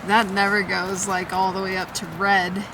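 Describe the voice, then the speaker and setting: A woman's voice: mid-range voice, level tone, normal speed, a crowd in the background. A woman chatting casually and reacting to equipment during an outdoor paranormal investigation. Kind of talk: casual chat, reacting to devices. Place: outdoors in a forest at night. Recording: clearly noisy outdoor ambience.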